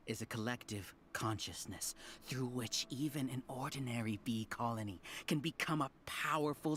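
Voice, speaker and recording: A man's voice: mid-range voice, a little hiss or hum, natural voice. A male actor playing an arrogant, zealous researcher who leads a hive-mind cult, delivering grandiose villain monologues in a video game. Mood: lecturing, bitter.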